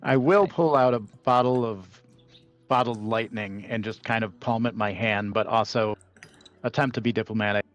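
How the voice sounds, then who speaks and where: A man's voice: on the low side, normal speed, soft background music. Brief: man, player at a game table, dry casual delivery, slightly muffled. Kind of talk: casual chat.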